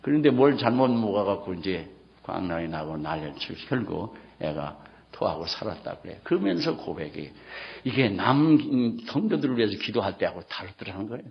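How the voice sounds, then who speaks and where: A middle-aged pastor preaches with passion, his gravelly voice rising high and dropping into hushed, almost whispered lines. His pitch roams widely as he pleads and exclaims. The sermon comes through a dull, muffled lo-fi recording. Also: sing-song, brisk. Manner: impassioned, swinging between loud exclamations and hushed near-whispers.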